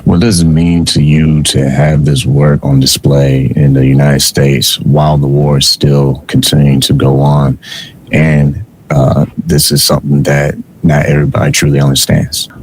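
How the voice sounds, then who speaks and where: A man's voice: rumbling low, little pitch movement, normal speed, a little mellow, slight background noise, poor audio. A man hosting an interview, asking long questions with many hesitations. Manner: fumbling, many uh fillers. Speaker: interviewer, host.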